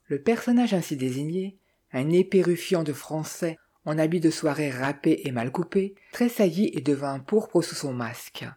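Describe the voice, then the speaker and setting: Audiobook narrator, even measured reading, mellow tone, husky. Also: mid-range voice. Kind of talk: scripted narration of a novel.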